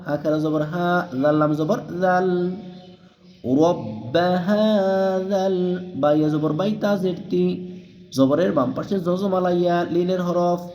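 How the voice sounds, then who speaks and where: A man teaching Quran reading, spelling out letters syllable by syllable and chanting the verses in a drawn-out melodic style. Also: high-pitched, fairly even intonation, darkish tone, echoey room, in a large hall, muffled recording.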